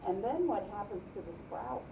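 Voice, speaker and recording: With huge swings in pitch around a medium register, a woman teacher reads a picture book to preschoolers at a moderate pace. She asks questions as she goes and repeats and affirms the children's answers. The sound is roomy with background noise, recorded from a distance.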